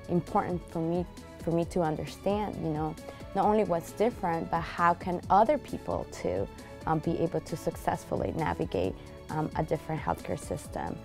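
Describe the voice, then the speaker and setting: A woman's voice: deep voice, vocal fry. A young woman from Peru, a graduate student speaking earnestly in an interview with many fillers. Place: library room. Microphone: lapel.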